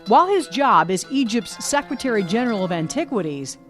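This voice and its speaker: A woman reporter giving a scripted documentary narration, measured and vivid. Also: a little high, very animated, soft background music.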